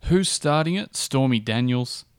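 A man's voice: medium pitch, expressive, a little slow, clean tone, dry recording, studio quality. A man co-hosting a podcast in casual chat, rambling through his thoughts with frequent restarts. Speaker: podcast co-host.

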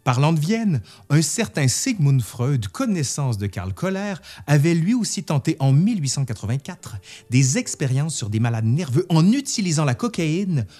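Male narrator for a history explainer, expressive storytelling, light music bed. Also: fairly high pitch, normal speed. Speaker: history video presenter. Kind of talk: scripted educational narration.

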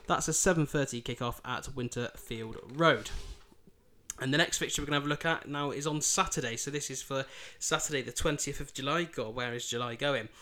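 A man's voice: mid-range voice, fairly quick, pushed and bright, a little hiss or hum. A man with a thick Yorkshire accent hosting a football podcast, previewing fixtures in an informal, chatty way. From Bridlington, East Yorkshire, England. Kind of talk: podcast fixture preview, part scripted, part casual chat.

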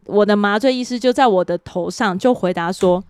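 A woman, co-hosting a podcast and telling a story in lively, chatty detail. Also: mid-range voice, smooth, no echo, clean studio sound. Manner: chatty storytelling, quick and animated. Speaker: podcast co-host. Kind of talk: casual chat.

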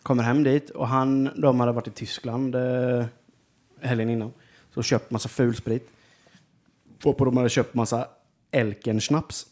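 A man's voice: medium pitch, flat delivery, darkish tone. Young man, loose rambling anecdote with fillers and curses. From Jönköping, Sweden. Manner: rambling, lots of fillers and swearing. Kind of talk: casual storytelling.

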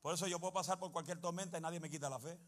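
A man preaching a fiery sermon as pastor, shouting and speaking in tongues. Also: a little high, steady tone, rapid-fire.

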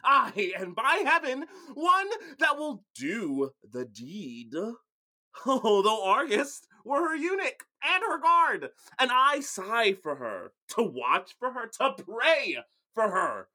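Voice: medium pitch, wildly swooping pitch, slow pace, pushed and bright, full character voice. A performer playing a witty young lord in a Shakespeare comedy, declaiming grandly and laughing at himself. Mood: lovesick ranting. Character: witty young lord, lovesick and self-mocking. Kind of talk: Shakespeare stage acting.

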